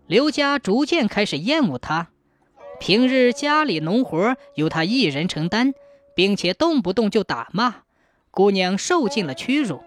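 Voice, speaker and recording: Expressive woman telling a ghost story. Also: medium pitch. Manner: measured, suspenseful, expressive. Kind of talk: scripted ghost story narration.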